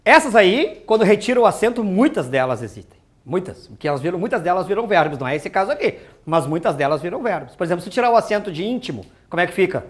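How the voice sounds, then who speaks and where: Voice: medium pitch, sing-song, quick pace. A teacher giving an exam-prep grammar lesson, chatty and full of joking asides and rhetorical questions.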